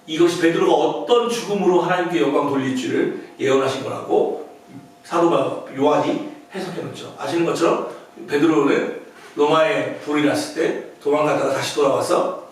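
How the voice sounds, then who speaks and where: A male pastor preaching a sermon in an animated manner, acting out the dialogue he quotes, in a church sanctuary. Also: on the high side. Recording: echoey church hall, mic at a distance.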